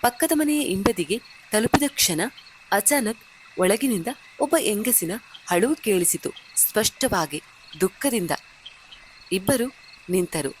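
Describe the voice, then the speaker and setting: A woman narrates a scripted horror story at a measured, suspenseful pace. Her mid-range voice swings freely in pitch as she builds tension. Faint cricket ambience hums behind her. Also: expressive, slight background noise.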